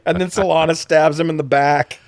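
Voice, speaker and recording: A man's voice: fairly high pitch, fairly even intonation, a little fast, no room sound. A man co-hosting a podcast, recapping a film in casual chat, sarcastic and profane, often laughing. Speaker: podcast co-host. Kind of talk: casual movie review chat.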